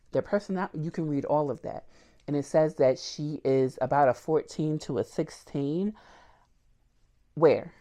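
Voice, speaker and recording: A woman's voice: very deep voice, warm tone. A woman book vlogger chatting casually and candidly about what she read, with frequent ums. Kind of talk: casual book wrap-up chat.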